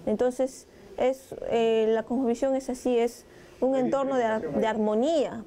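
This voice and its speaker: A young woman, a scissors dancer, speaking in an interview in a thoughtful, halting way with many fillers, recorded indoors on a lapel mic. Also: on the high side, fairly even intonation, music in the background. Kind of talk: interview testimony. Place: indoor room with instruments.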